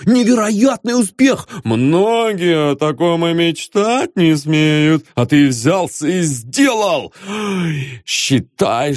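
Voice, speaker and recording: A chatty male friend gushes with glib flattery, as a man reads him in an audiobook. His slow delivery rises and falls in lively swings, close and dry. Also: on the high side, dry recording, voice pushed up.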